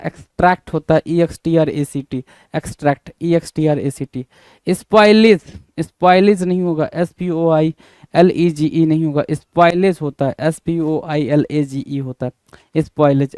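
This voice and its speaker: Indian male teacher, slightly high voice, clear, dry close sound, spells words out letter by letter. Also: a little mellow, no echo. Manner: often adds "bhai" to address viewers. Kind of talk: spelling lesson, checking answers.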